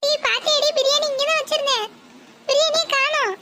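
A performer doing a shrill panicky housewife. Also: brisk, pushed and bright, a little hiss or hum. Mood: alarmed. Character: excitable housewife, older sister-in-law.

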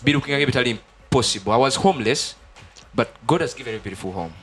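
Fast-talking Ugandan man telling his testimony. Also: medium pitch, a bit bright. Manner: earnest, fast-talking, mixes Luganda and English. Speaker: gospel musician guest. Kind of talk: studio interview, personal testimony. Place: TV studio. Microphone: handheld mic.

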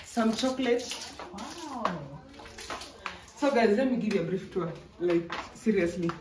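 A young Kenyan woman with a chatty, excitable manner, talking straight to viewers as a travel vlogger. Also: mid-range voice, unhurried. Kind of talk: casual travel vlog narration. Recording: distant mic with loud road and outdoor noise.

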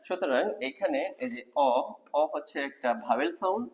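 A man's voice: on the high side, expressive, fairly quick, a little hiss or hum. A man teaching English grammar in a video lecture, explaining step by step and asking the class rhetorical questions. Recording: long reverb of a hall.

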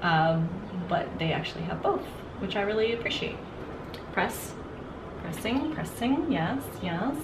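A woman makeup artist chatting and telling stories while doing someone's makeup, giving gentle directions and laughing often. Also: mid-range voice, sing-song, a little slow. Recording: echoey room with faint noise.

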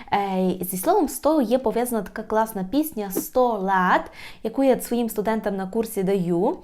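A woman teaching a language lesson, explaining patiently, often asking "right?" and repeating words slowly. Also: medium pitch, darkish tone.

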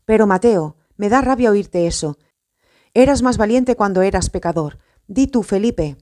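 A woman's voice: mid-range voice, expressive, moderate pace, dark tone, natural voice. A woman voicing an impulsive, fiery male apostle who talks in a blustering, emphatic way. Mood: urgent.

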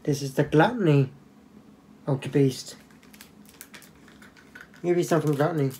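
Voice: mid-range voice, measured pace, warm tone, a little hiss or hum. A channel host giving casual, joking commentary while opening cards indoors, humming little sound effects between cards.

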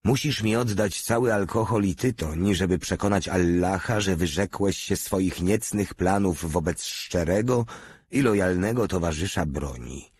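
Man doing a stern old-hand legionnaire, preachy and solemn, deep husky voice. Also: unhurried, a little mellow. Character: stern, scheming veteran male legionnaire. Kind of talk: audiobook character reading.

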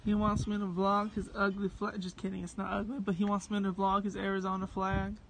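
A woman's voice: medium pitch, flat delivery, brisk, rough recording. A young woman filming a casual home vlog on her phone, talking in a wry, joking, offhand way. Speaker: vlogger. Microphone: phone held by hand. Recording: phone recording with noise.

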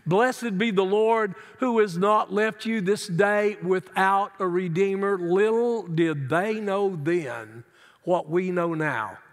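A middle-aged pastor preaches from his seat with earnest emphasis and sweeping gestures, his voice sitting high and his pace slow. Long reverb from the big church sanctuary trails his words.

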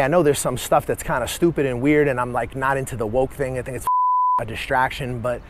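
This is a man in his forties filming himself as he walks through a city. He talks bluntly and rambles, chopping off his own curses halfway. Street noise and passing traffic sit clearly behind his voice. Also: mid-range voice. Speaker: vlogger and life coach. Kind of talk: casual walking vlog monologue.

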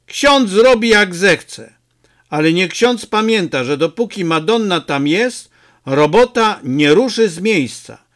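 A man voicing a gruff, hot-tempered village mayor who shouts and blusters in a storybook reading. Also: fairly high pitch.

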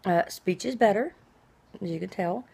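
A middle-aged woman chatting casually in a personal video diary, rambling conversationally, with drawn-out, hissing s sounds. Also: medium pitch, creaky, darkish tone, husky. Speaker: vlogger. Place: small indoor room at home.

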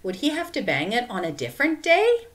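A woman narrating a children's chapter book in an expressive, measured reading. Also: fairly high pitch. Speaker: audiobook narrator. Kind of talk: storybook narration.

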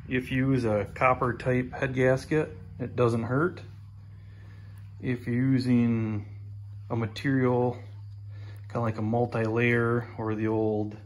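Plain-spoken man filming in his garage. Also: mid-range voice. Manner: relaxed, plain-spoken, thinks aloud. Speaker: tractor restoration vlogger. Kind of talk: casual workshop update. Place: home garage workshop. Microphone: handheld phone camera, filming while talking.

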